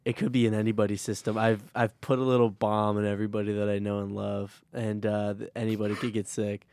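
Excitable joking man on a podcast. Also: fairly low pitch, quick pace, dry recording. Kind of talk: casual sports podcast chat. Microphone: studio microphone.

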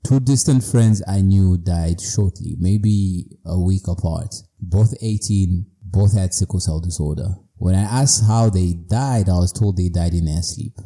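A man's voice: low voice, unhurried, hardly any pauses, mellow. A man from Zimbabwe, hosting a podcast in a reflective personal monologue, playful and self-mocking. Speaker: podcast host.

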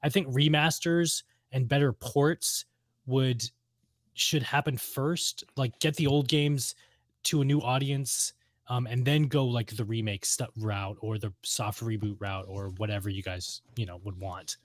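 A man co-hosts a podcast, chatting informally and enthusiastically about games and radio plays. His mid-range voice is steady and measured. The recording is studio quality, with no room sound.

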